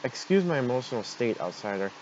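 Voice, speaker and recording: A man's voice: medium pitch, sing-song, quick pace, a little mellow, lightly acted. Man reading a solemn creature, muffled noisy recording. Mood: solemn gratitude. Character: solemn, grateful native creature addressing an outsider. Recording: dull noisy home microphone.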